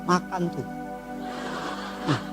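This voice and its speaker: A male pastor, preaching a sermon with animated storytelling and acting out voices. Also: drawn-out words, music in the background. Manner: animated storytelling, acting out voices of God, angels and his child.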